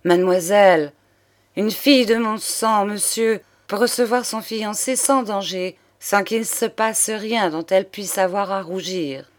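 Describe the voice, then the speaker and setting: A woman's voice: mid-range voice, unhurried, close to an everyday voice. A woman reading a novel aloud and voicing a proud young noblewoman who speaks in an imperious, impassioned way. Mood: offended. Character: proud young noblewoman, fiercely loyal to fiancé.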